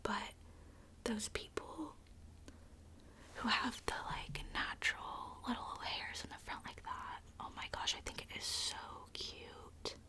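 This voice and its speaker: A woman's voice: on the high side, takes it slowly. A young woman whispering casually through an ASMR makeup routine, chatty and filled with little likes and asides, close to a handheld camera mic. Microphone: close camera mic, handheld filming.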